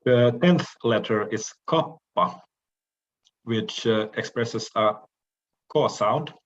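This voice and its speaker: In a recorded lecture, a man with a mid-range voice explains each letter in a measured way. He pauses often and clears his throat now and then, and the audio sounds dull.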